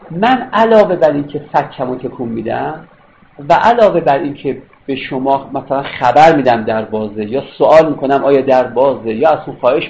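A man's voice: medium pitch, creaky, a little mellow. A man giving a philosophy lecture, explaining step by step, rephrasing points and checking that listeners follow. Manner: explanatory, repeats and rephrases, checks understanding with questions. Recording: dull lo-fi recording with faint noise.

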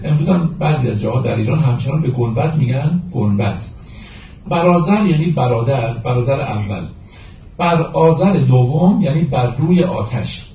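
Mellow-voiced man teaching classical poetry. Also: mid-range voice, vocal fry, slight background noise. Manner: recites verses slowly and rhythmically, then explains plainly; addresses listeners as friends. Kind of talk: lecture explaining verses. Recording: roomy, distant, muffled recording.

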